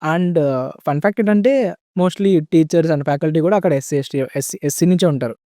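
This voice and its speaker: A man's voice: a little high, moderate pace, warm tone, no room sound, clean studio sound. A young man telling stories in a casual podcast chat, mixing in English words and often calling the host "bro". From India. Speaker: guest.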